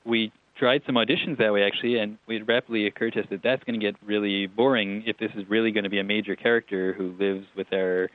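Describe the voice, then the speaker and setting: Guy on a tinny phone call, lowish voice, rambling chatty answers, dry sound. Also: fairly even intonation, fast, few pauses, no echo. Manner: chatty, digressive, with laughs and restarts. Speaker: TV writer-producer guest. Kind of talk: relaxed interview answers.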